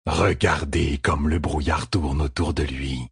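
Man voicing slow, hushed fox creatures. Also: extremely low pitch, fairly even intonation, slightly rough, no room sound, studio quality, voice pushed down, exaggerated voice. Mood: greedy. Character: eerie fox-like creatures, greedy and cold.

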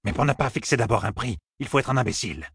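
A man voicing eerie fox-like strangers who speak in low, cold murmurs, read close and dry. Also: animated, fast talker, vocal fry, fairly bright tone, slightly rough, dry recording, full character voice. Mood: cryptic cold.

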